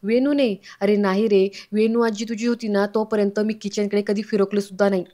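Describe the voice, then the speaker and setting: A woman's voice: mid-range voice, little pitch movement, fairly quick, dark tone, close to an everyday voice. A woman voicing an older grandfather who talks in a chatty, reflective way as she retells a family serial. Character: grandfather, older man, fond of cooking.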